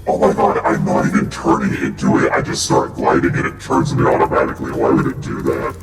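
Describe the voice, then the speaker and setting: A streamer playing a platform game through a voice changer that makes the voice very deep, joking and mocking their own playing in casual commentary. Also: monotone, a little fast. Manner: goofy and self-mocking. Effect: voice changer pitching the voice very deep. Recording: echoey and distant, game music behind. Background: game music.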